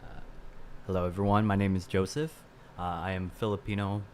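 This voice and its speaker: A twenty-year-old man from the Midwest with a very low voice talks as a podcast guest. He answers thoughtfully and hedges with "uh" and "I mean." A light hiss sits underneath. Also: flat delivery, fairly quick. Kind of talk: casual panel discussion.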